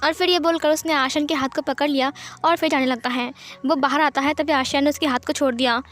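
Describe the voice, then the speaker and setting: A woman narrating a romance fanfiction, reading every character's lines in her own gentle voice. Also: high-pitched, steady tone, quick pace. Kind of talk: storytelling narration with character dialogue.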